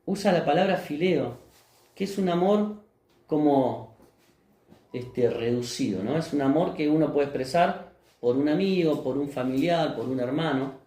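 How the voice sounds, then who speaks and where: A man with a Rioplatense accent preaches a sermon as pastor. His voice sits somewhat high but sounds mellow and warm. He keeps asking the congregation questions and then answering them, and the sound carries the echo of a roomy church. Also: measured pace. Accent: Rioplatense Spanish. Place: church hall.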